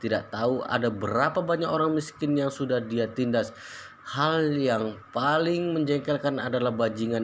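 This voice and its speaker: A man's voice: mid-range voice, slight background noise, lightly acted. Stern male henchman for a storybook, read by a man in his own voice; menacing to enemies, fawning to his master. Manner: threatening, then deferential. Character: stern loyal male underling, harsh to foes.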